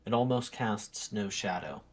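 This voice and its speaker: A man's voice: lowish voice, animated, a little slow. Easygoing man running a tabletop game. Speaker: game master.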